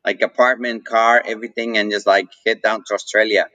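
A man's voice: fairly low pitch, flat delivery, brisk, pushed and bright, no echo, highs cut off. A man with a Mexican accent, chatting casually as an interview guest and rambling with many fillers and restarts. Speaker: guest, coffee roaster.

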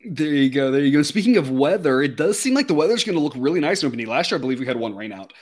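A man's voice: on the high side, big pitch swings, racing, a little mellow. A man hosting a sports betting show in a conversational, wordy, explanatory way.

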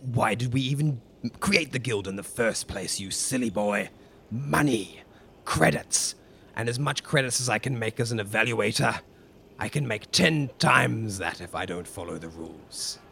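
A gravelly, cutting wraith played by a man, greedy and full of scorn for whoever questions it. The voice is condescending and villainous, in tabletop game style, over clear background noise. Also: mid-range voice, expressive, moderate pace, a bit bright. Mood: scornful.

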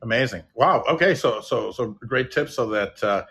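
A man's voice: medium pitch, lively intonation, normal speed, creaky, fairly bright tone. A man hosting a casual podcast chat, playful and joking as he asks questions.

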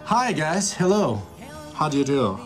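A man's voice: on the high side, very animated, measured pace. A man playing a brash, oblivious, overfamiliar rock superfan in a film comedy, with a casual, pushy way of talking. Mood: breezy, eager. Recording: faint music under film dialogue.

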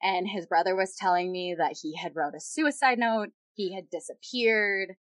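A woman's voice: mid-range voice, moderate pace, no room sound. A woman casually telling a personal story, rambling with lots of fillers. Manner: rambling, filler-heavy, many "like"s and "yada yada".

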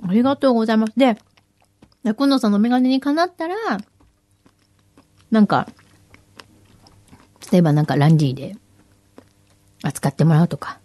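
A woman's voice: fairly high pitch, lively intonation, moderate pace, pauses often, warm tone, no echo. A woman co-hosting a podcast, chatting casually and enthusiastically while tasting food, often laughing. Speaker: podcast co-host.

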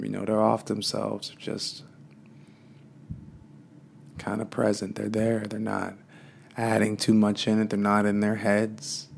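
A man's voice: fairly low pitch, gravelly, slight background noise. A man giving a casual, meandering spiritual talk, full of fillers and loose asides.

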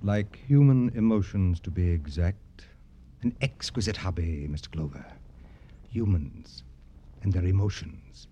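A man with a low, dark voice performs an arrogant, jaded rich satirist in an old-time radio play, speaking expressively and unhurriedly in ornate, theatrical phrases. He sounds gloating and taunting. The recording has its highs cut off and carries a little hiss or hum.

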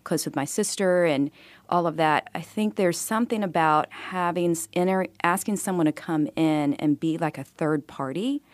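A woman host reflecting on loss and gently advising listeners. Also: lowish voice, moderate pace, dry recording. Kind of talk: supportive counseling talk.

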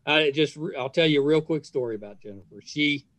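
A middle-aged podcast host interviews someone in a casual, conversational way, effusive and full of praise. His voice is a little high, brisk and a bit bright, and the recording is dry.

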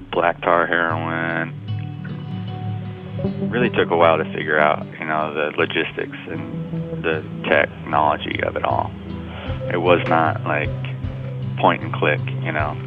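A man from Oregon calling from a county jail payphone, recounting events casually and rambling with lots of fillers. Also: rumbling low. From Oregon, United States. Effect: jail payphone call. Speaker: incarcerated interviewee. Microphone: prison payphone handset. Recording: tinny payphone line.

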